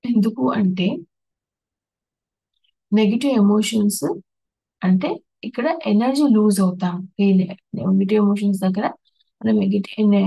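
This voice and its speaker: Woman, meditation teacher, mellow dark tone, dry close sound, patient step-by-step explainer. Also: medium pitch, gravelly, slightly rough, no room sound, rough recording. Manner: explains patiently, lists terms one by one with restarts. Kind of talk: spiritual talk on emotions.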